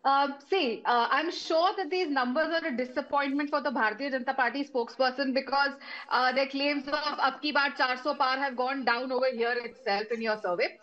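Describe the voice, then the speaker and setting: A woman's voice: sits high, fairly quick, hardly any pauses, fairly bright tone. A woman speaking as an opposition spokesperson in a political debate, combative and insistent, over a dull feed.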